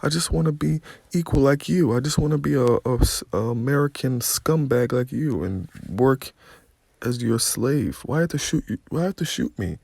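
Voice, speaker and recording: A man putting on a mocking, high, drawn-out pleading voice for a whining man who begs. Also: vocal fry, a little mellow, dry recording. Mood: mocking whine.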